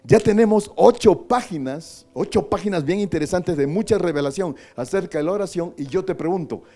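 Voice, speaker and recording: A man with a Mexican accent, a pastor preaching a sermon in a chatty way, repeating words and asking questions, then swelling into loud, drawn-out prayer. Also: high voice, faint music behind. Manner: conversational, repeats words, asks the congregation.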